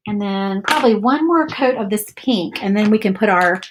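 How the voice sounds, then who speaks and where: A craft vlogger in her thirties from Virginia, USA, with a light Southern accent, chats while painting a project and reading live comments, thinking aloud in a friendly way. Her medium-pitched voice is animated at a moderate pace, picked up by a nearby phone or camera with noisy background.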